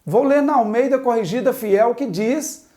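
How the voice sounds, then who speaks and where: Speaking at a moderate pace in a warm, rather high voice, a Hebrew teacher leads a patient lesson at the board. She goes through the sounds individually and prompts the viewer to repeat each one.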